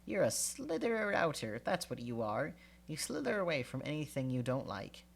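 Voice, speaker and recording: A man voicing a sharp-tongued old woman who retorts bluntly, in a read-aloud storybook. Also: a little high, wildly swooping pitch, normal speed, creaky, heavily acted. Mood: scornful. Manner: retorting, cutting.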